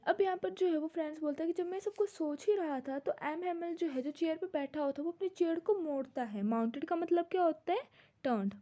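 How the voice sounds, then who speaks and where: A young woman explaining a story as a teacher, repeating word meanings and reading English lines slowly before explaining them. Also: very high-pitched, mellow.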